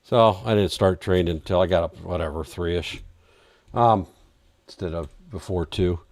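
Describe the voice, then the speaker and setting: While reading charts on his live trading stream, a man chats casually and responds to viewers' questions, his voice growing tired as he loses it. It sits low with a darkish tone, at a normal speed, and the recording is dry.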